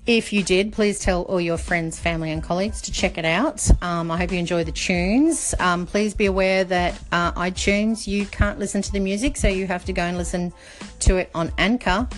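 A middle-aged woman from Australia hosting a casual podcast, chatty and rambling with many fillers. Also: fairly low pitch. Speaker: podcast host.

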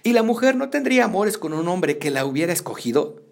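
A man reads a novel aloud in a steady, storytelling voice that is gravelly with fry. His pitch sits a little high, and he restarts lines when he stumbles. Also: brisk. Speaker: audiobook reader.

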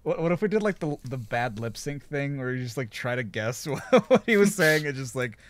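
A young man co-hosting a gaming podcast over a call, giggly and halting, often restarting his sentences. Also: medium pitch, lively intonation, no echo. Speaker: podcast co-host. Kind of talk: casual gaming chat.

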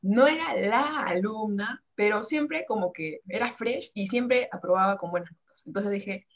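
Young woman, husky, animated storyteller, casual podcast chat. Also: unhurried. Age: young adult. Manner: animated, acts out quotes with big pitch jumps.

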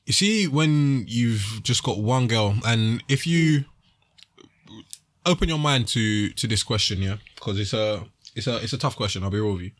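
A man's voice: mid-range voice, normal speed, dry recording. A young man with a London accent hosting a casual podcast discussion, slangy and full of questions. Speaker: podcast host.

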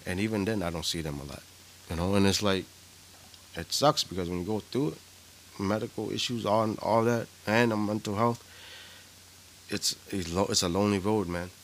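A man's voice: lowish voice, normal speed, a little hiss or hum. A man co-hosting a podcast, talking candidly and from the heart, often repeating himself. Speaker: podcast co-host. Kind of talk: casual chat.

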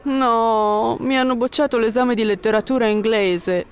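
Woman as young student, let down, slightly high voice, natural read. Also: fairly even intonation, a little slow. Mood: disappointed. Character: young female university student, let down after failing an exam. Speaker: dialogue voice in a language lesson. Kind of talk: scripted dialogue.

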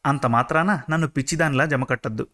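A man's voice: medium pitch, fast, pushed and bright, natural voice. A man voicing an upset young woman student in a told story, speaking earnestly.

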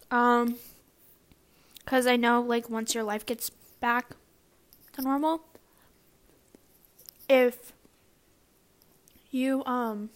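A young woman student chatting casually to camera, rambling with lots of fillers and restarts. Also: a little high. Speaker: student vlogger.

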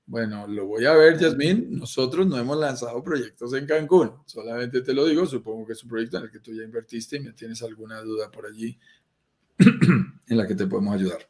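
Man, live stream co-host, middle pitch, quick explainer, reads viewer names. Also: darkish tone. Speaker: co-host of a real estate investment live stream.

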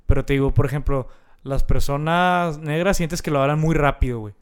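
A man's voice: fairly high pitch, smooth. A young man with a Mexican accent in casual, slangy chat, acting out old exchanges. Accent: Mexican Spanish. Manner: fast, slangy, acts out past exchanges.

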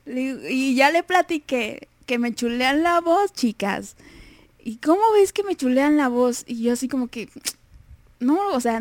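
A woman's voice: on the high side, no echo. A young woman with a Mexican Spanish accent hosting a casual radio show, chatty and self-deprecating, laughing often.

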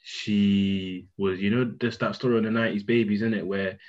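A man's voice: lowish voice, fairly even intonation, moderate pace, a little mellow, muffled recording. A young man with a London roadman accent, telling things emphatically in casual, slangy banter.

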